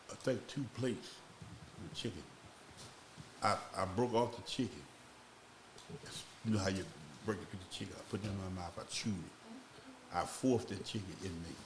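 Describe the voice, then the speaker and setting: A man, a podcast guest telling a long, rambling story in a slow, casual way. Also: sits low, a little hiss or hum. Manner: slow, rambling, acts out voices in his stories.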